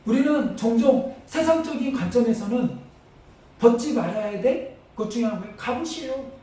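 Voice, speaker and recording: High-pitched pastor preaching hard, asks the crowd questions, big echoey church, mic kinda far. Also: male voice, animated, moderate pace, warm tone. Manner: emphatic, asks the congregation questions and acts out battle cries. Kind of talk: sermon. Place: church sanctuary.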